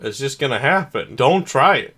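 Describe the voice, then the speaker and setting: A man's voice: mid-range voice, sing-song, normal speed. A man doing casual, profane comedic film commentary as a reviewer, blunt and given to mock outrage. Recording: clearly noisy background with clicks.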